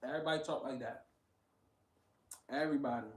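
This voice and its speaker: A man's voice: mid-range voice, brisk, reverberant, recorded from a distance, rough recording. A man giving blunt, profane, emphatic casual commentary while reacting to a video.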